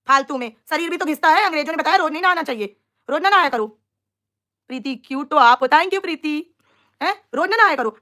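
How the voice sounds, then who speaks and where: A woman's voice: sits high, fairly bright tone. A young woman chatting on a live stream, teasing and mocking rivals while talking to her viewers. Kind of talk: casual live stream chat.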